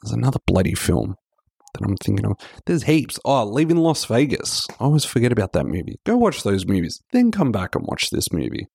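A man's voice: on the low side, sing-song, a little fast, gravelly, darkish tone, breathy edge, dry recording, studio quality. A man with a sick voice, hosting a podcast and chatting casually through a film review. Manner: chatty, loose, self-correcting.

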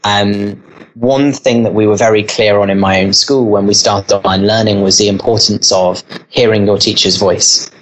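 A man's voice: lowish voice, steady tone, moderate pace, poor audio. A man who runs a school, answering interview questions in an earnest, explanatory way with occasional fillers and restarts. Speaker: school leader.

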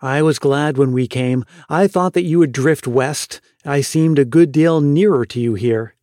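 A man's voice: medium pitch, measured pace, no room sound, studio quality, lightly acted. Man reading as a tender, pleading mother. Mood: gentle. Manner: soft, pleading, emotional. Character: loving middle-aged mother, tender and pleading.

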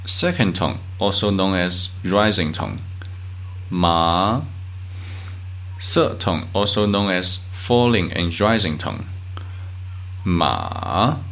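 A man from China, hosting a language podcast, reading out sounds one by one and enunciating each with long pauses. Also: deep voice, lively intonation, a bit bright. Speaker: language teacher and podcast host. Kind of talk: slow pronunciation drill.

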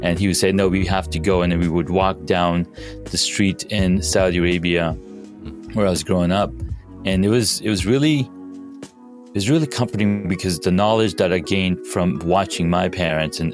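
A man from Pakistan, a podcast guest, talking casually with many fillers and restarts. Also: low-pitched. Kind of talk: casual interview talk.

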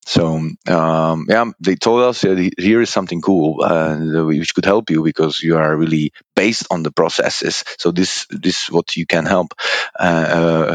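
A man, a guest answering interview questions, speaking haltingly with many fillers and restarts. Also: deep voice, no echo. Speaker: guest, procurement department lead.

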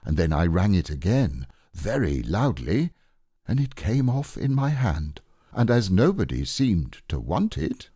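A man's voice: low-pitched, wildly swooping pitch, a little slow, dark tone, breathy edge, no echo, clean studio sound, heavily acted. A man voicing a self-important, long-winded storybook owl with a pompous, explanatory way of talking. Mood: chatty, proud. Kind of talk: storybook character reading.

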